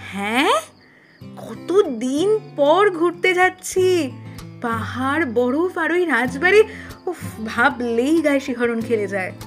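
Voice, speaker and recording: Brief: actress as a concerned young wife, high and expressive, soft music underneath. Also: female voice, brisk. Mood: eager. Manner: concerned, questioning, affectionate. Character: caring, worried young wife and mother. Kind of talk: Bengali audio drama acting.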